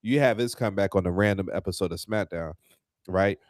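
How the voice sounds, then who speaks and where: A man with a fairly low voice talks through a casual podcast chat, loose and full of slang, with bursts of heated ranting. His voice sits close and dry on the mic, with no room sound around it. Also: brisk, dry recording. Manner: animated, heated when ranting, lots of fillers and slang. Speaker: podcast co-host.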